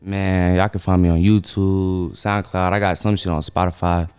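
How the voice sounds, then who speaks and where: A man's voice: low voice, little pitch movement, moderate pace, darkish tone, smooth. A man guesting as a rapper on a radio show, talking in an easygoing, slangy way. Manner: easygoing slangy talk with "you know" fillers. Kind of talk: casual radio interview.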